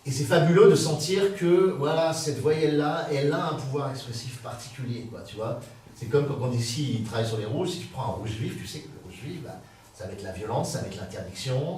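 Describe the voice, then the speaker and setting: A man giving a public talk, explaining with animated energy and sounding out consonants and vowels to show what he means. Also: medium pitch, brisk, slight background noise. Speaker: guest author. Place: public hall. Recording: very echoey hall from far off.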